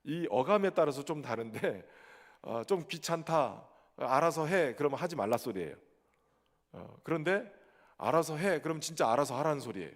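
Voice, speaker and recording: With a long reverb tail filling the church sanctuary, a medium-pitched male pastor speaks fairly quickly. He's from Chungcheong, South Korea, and carries its accent while giving a lively, chatty sermon with bits of humor.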